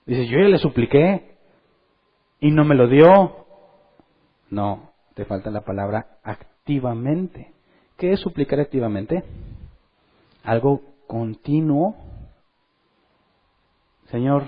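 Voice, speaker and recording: Man preaching, husky, lo-fi recording. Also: mid-range voice. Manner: lively, acts out the voices of the people he quotes. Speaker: pastor. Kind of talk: sermon. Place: church.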